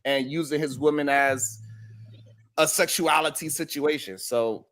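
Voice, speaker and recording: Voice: medium pitch, unhurried, a crowd in the background. A host giving casual live commentary, thinking aloud in a hesitant way.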